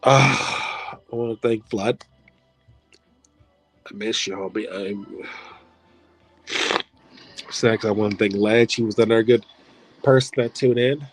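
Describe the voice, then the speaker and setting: A man's voice: on the low side, steady tone, slow pace, long pauses, faint music behind. A man hosting his own online show, rambling through heartfelt thank-yous in a casual farewell video, with some swearing. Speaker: online league host signing off.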